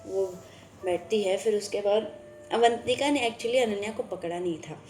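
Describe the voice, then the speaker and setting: Woman telling a love story, mellow. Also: medium pitch, normal speed. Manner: conversational, Hindi mixed with English words; frequent stammered restarts. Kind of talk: casual story narration with acted dialogue. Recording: echoey room with soft music behind.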